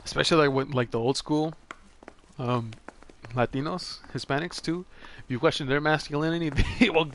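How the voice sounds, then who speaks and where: A man's voice: a little high, fairly even intonation, moderate pace, a bit bright, slight background noise. A man giving casual commentary while streaming a game, laughing often and swearing heavily. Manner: laid-back, laughing, heavy swearing.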